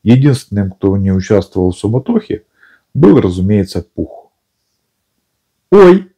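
A man narrating an audiobook in a calm, even storytelling manner. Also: fairly low pitch, normal speed, husky. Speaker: audiobook reader.

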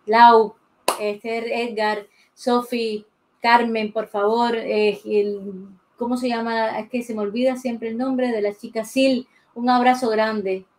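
A woman's voice: fairly high pitch, fairly even intonation, unhurried, darkish tone, a little hiss or hum, poor audio. A woman chatting casually while she draws during a live drawing tutorial, thinking aloud and greeting viewers by name, on a desk mic. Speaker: drawing teacher streaming live. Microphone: desk mic beside the pencil sharpener.

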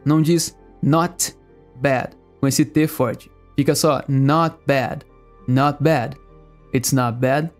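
A Brazilian man teaching English, friendly, explaining and repeating phrases slowly. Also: on the high side, darkish tone. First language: Portuguese. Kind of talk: language lesson narration.

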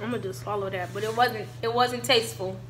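A woman's voice: mid-range voice, fairly even intonation, brisk, fairly bright tone, a little hiss or hum, low-quality recording. A young woman chatting casually and teasingly in slang, recorded indoors at home. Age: young adult. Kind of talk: casual joking chat during a taste challenge. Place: indoor kitchen counter, small home room.

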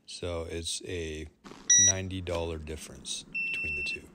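A man's voice: low-pitched, huge pitch swings, moderate pace, heavy background noise. A man, a plumber, talking through a product review in an easygoing, plain-spoken way.

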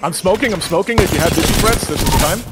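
A man's voice: high-pitched, very noisy. A man playing a shooter game with his squad, chatting in casual banter and making jokes. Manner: jokey, excitable, quick to laugh. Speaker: teammate in an online shooter. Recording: game music loud behind.

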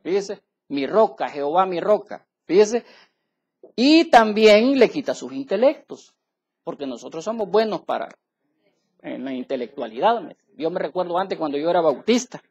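A male preacher in a church delivering an emphatic sermon, addressing his listeners as brother and swinging between quiet asides and loud raised passages. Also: high-pitched, very animated, moderate pace, slightly rough, dull audio.

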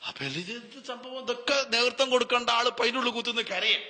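A man preaching a Ramadan sermon, telling stories with rhetorical questions and swinging from loud to hushed. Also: very high voice, fast talker, in a large hall.

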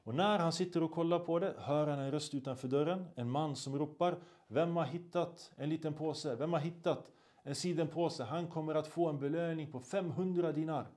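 Preacher telling a story. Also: male voice, fairly high pitch, a little mellow. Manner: vivid storyteller, voices the characters, mixes Arabic phrases. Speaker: Islamic preacher. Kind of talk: storytelling sermon.

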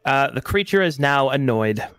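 A man running a tabletop game as dungeon master, describing scenes in a measured narrating manner. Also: medium pitch, lively intonation, heavy background noise.

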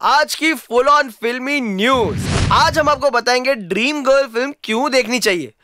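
A man's voice: very high-pitched, pushed and bright, no room sound, studio quality. A man voicing a little cheeky male cartoon presenter who reads film news and cracks jokes. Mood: chirpy. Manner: teasing, quick with jokes.

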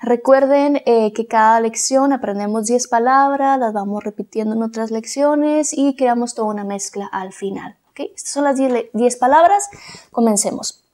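A young woman teaching English to Spanish speakers, drilling words slowly and clearly and repeating each one, now and then in a whisper. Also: on the high side, darkish tone. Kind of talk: language lesson for Spanish speakers.

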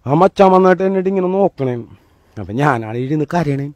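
A man giving a motivational talk, telling a personal story in a colloquial, animated way that swings between loud and hushed. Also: fairly high pitch, fast talker, no room sound. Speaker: motivational speaker.

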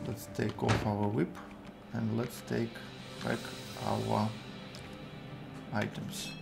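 Young man, Russian accent, halting game streamer commentary, creaky voice, music and typing behind. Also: on the low side, flat delivery. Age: 20s. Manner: halting, thinking aloud in short fragments. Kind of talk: casual live game commentary in English. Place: indoor room at a computer. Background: music, keyboard typing.

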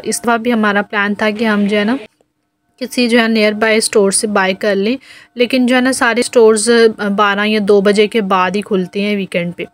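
A home vlogger in her thirties with a Pakistani accent narrates a voice-over casually, explaining each step with plenty of fillers. Her voice is on the high side.

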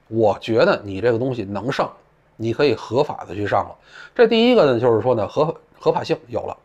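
A man's voice: medium pitch, darkish tone, breathy edge. A man giving blunt, casual spoken commentary, colloquial and peppered with profane asides. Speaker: political commentator. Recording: dull lo-fi audio.

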